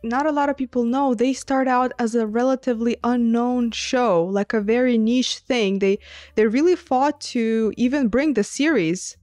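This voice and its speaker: A woman co-hosting a podcast, talking in a casual, opinionated way with quick asides and explanations. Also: fairly high pitch, darkish tone, no room sound, studio quality. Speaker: podcast co-host.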